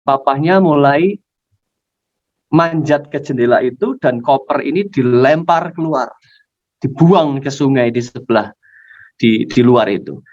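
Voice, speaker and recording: A man preaching at a youth service, telling a story in a lively way, on a dull lo-fi recording. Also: mid-range voice, measured pace, long pauses. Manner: animated storytelling. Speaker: youth pastor. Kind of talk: storytelling sermon.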